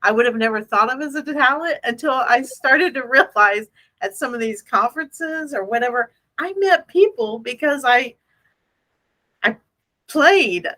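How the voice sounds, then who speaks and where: A woman host with a bright, punchy voice talks in a casual, motivational style. She takes her time, repeats phrases for emphasis and comes across as playful and a little self-deprecating. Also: high-pitched, animated, measured pace, low-quality recording. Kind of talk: casual business motivation chat.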